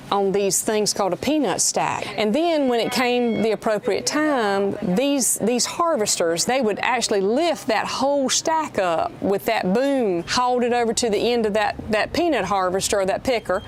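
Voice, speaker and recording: A woman's voice: medium pitch, animated, moderate pace, a little hiss or hum. A woman who owns a shop, explaining her business in a plain, folksy way in an interview. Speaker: peanut shop owner. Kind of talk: interview answers.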